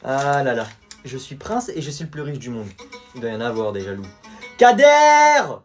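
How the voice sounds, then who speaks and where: A man's voice: mid-range voice, a little fast, faint music behind, voice pushed down, lightly acted. A man voicing an arrogant prince who boasts about being the richest in the world. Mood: pompous. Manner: pompous, boastful.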